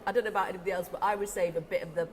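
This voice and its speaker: A woman co-hosting a casual food tasting chat, talking with her mouth full and filling pauses with ums. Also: lowish voice, steady tone. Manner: chatty, eats while talking, many ums. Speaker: deli owner co-host. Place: deli or shop indoors.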